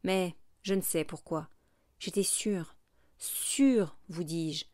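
Woman reading a dark old story, slow and somber, dry close sound. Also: on the low side, fairly even intonation, no echo. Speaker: narrator. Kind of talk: scripted narration of a literary tale.

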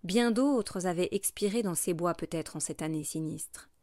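Female narrator, measured and somber, literary read-aloud, dry studio sound. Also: fairly low pitch, a little mellow, no echo. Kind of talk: scripted narration of a literary tale.

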